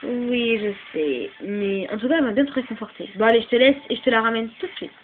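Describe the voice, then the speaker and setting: A woman's voice: on the high side, fast, phone-quality sound, background noise. A woman voicing all the characters in a homemade fan dub, switching voices and often sounding tearful. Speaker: fan voice actor doing all parts.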